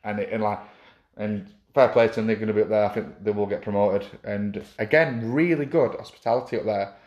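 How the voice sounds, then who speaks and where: A man's voice: lowish voice, darkish tone, highs cut off. Rambling man, echoey room. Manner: rambling, halting with many fillers and restarts. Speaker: club official. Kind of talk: casual chat.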